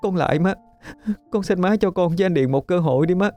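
A man's voice: high voice, fairly quick, dark tone, soft background music, pitched above the performer's own voice, natural voice. A man voicing a desperate young pregnant woman begging her mother in a spoken ghost story. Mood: tearful pleading.

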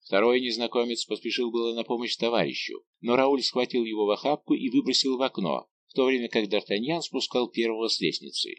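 A man's voice: mid-range voice, fairly quick, few pauses. A man narrating an adventure novel as an audiobook, telling it in a dramatic, vivid way. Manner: expressive, vivid storytelling.

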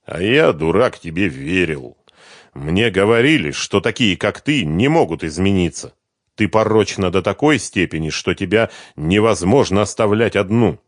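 Male reader as a low, cold, contemptuous jilted man. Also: expressive, normal speed, no echo, studio quality. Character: cold betrayed wealthy young man.

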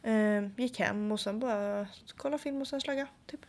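Young female co-host, fairly high voice, chatty and animated storyteller. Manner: animated storytelling, acting out quoted dialogue. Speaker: podcast co-host. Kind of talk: casual chat.

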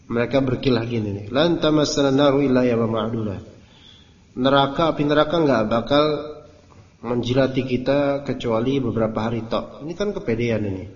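A man leads a Quran commentary class in a casual, animated manner, slipping into voices for the quotes he acts out. His voice sits at an ordinary pitch. The recording is dull and lo-fi, with a long echo from a roomy hall. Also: a little fast. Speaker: Islamic teacher.

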